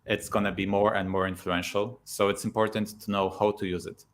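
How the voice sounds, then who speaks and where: In a laid-back guest interview, a man in his thirties from Poland, a YouTuber with a Polish accent, laughs a lot and leans on many fillers. His pitch is fairly low, and he talks fairly quickly.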